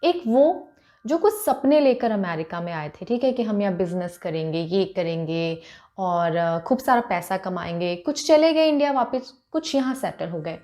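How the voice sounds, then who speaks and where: A woman's voice: mid-range voice, expressive, normal speed, mellow. A woman from India in her thirties with an Indian accent, chatting casually to camera in a Hindi-English mix with frequent fillers. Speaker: vlogger.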